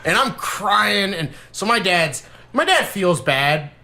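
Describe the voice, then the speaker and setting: A young man, a podcast host, telling a story in casual chat, animated and swearing, breaking into high shouts when he quotes someone. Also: slow pace. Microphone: podcast mic, low-quality audio.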